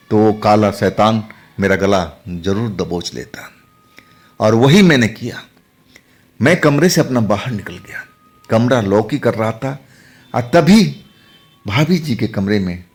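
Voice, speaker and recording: Low-voiced man telling a hushed horror story. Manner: hushed and dramatic, dropping to whispers. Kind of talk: first-person horror story narration.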